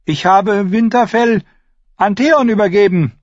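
Ein Mann spielt einen verängstigten kleinen Jungen mit schriller Fistelstimme in einer Hörbuchlesung. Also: male voice, unhurried, no room sound, highs cut off. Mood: strained, shrill. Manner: shrill falsetto. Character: frightened young boy lord, shrill. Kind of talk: audiobook reading.

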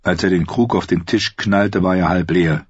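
A man narrating a fantasy novel in a measured, even storytelling manner. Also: low-pitched, breathy edge, no echo. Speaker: audiobook narrator. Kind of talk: scripted fiction narration. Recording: dull, lo-fi, dry.

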